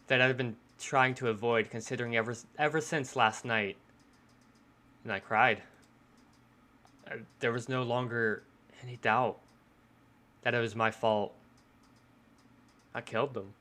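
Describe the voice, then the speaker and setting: A man's voice: mid-range voice, steady tone, normal speed, long pauses, bright, forceful tone. A man streaming, reading a visual novel aloud with dramatic emphasis and live asides, often stammering and repeating words.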